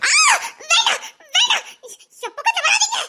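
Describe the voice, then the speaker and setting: A woman's voice: very high voice, animated, brisk, heavy background noise. A woman voicing a bold young female college student in an audio drama, firing back at bullies and later crying for help. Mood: terrified. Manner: fierce retorts, then pleading and sobbing. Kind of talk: Tamil audio drama acting.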